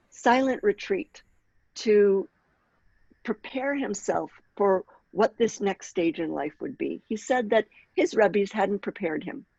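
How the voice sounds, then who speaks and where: Measured woman in her sixties leading a workshop. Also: medium pitch, a little mellow, no room sound, muffled recording. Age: 60s. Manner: measured, clears throat often. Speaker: workshop leader and author. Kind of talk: workshop talk with read-aloud passage.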